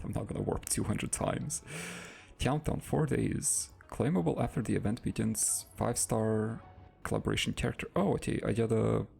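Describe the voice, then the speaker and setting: A man's voice: on the low side, gravelly, a little mellow. A man casually thinking aloud while playing a game and reading its text out as he goes. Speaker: gaming let's-play host.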